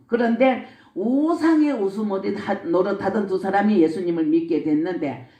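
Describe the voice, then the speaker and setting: Korean deaconess with a Gyeongsang accent, echoey and distant. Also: female voice, on the low side, warm tone. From Gyeongsang region, Korea. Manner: asks herself questions and answers them, laughing often. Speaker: church deaconess giving testimony. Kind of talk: spoken testimony. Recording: echoey room, speaker far from mic.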